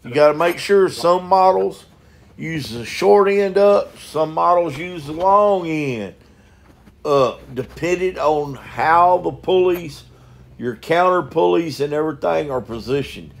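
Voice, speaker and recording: A slow, unhurried man talks through an engine repair in a voice-over, plain-spoken and down-home. His voice sits a touch high for a man and has a gravelly crackle to it. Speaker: mobile mechanic. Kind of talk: voice-over narration of a repair video.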